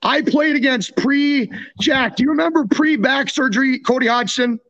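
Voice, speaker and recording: A young North American man with an extremely high, fairly bright voice talks at normal speed, with the highs cut off. A former hockey player and podcast co-host, he chats casually about sports and often restarts his sentences.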